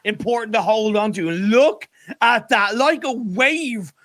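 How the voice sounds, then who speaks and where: A man's voice: sits high, measured pace, fairly bright tone. A man commentating a live esports match, giving conversational tactical analysis.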